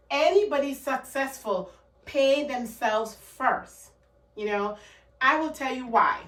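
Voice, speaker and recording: A woman from Guyana, speaking with a Guyanese accent and a fairly high, bright-toned voice, hosts a channel where she gives casual money advice to camera. She's earnest and emphatic, repeating her points, and sits far from the mic in an echoey room.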